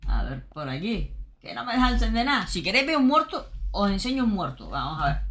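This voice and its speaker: A woman's voice: mid-range voice, big pitch swings, brisk, a bit bright. A woman streamer from gives casual commentary on her game. She talks straight to her viewers and thinks aloud. Her voice swoops up and down a lot.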